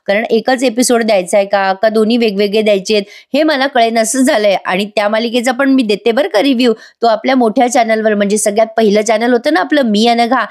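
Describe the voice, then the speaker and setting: A woman's voice: fairly high pitch, quick pace, few pauses, a little mellow. A woman with a Marathi accent giving a chatty voice-over recap of a TV serial, talking straight to her viewers and acting out the dialogue. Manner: chatty, addresses viewers directly, acts out dialogue. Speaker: TV serial reviewer.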